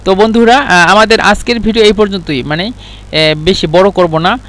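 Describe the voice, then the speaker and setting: A man teaching Arabic vocabulary in a casual spoken lesson, repeating each word slowly and explaining what it means. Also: high-pitched, fairly even intonation, fairly bright tone.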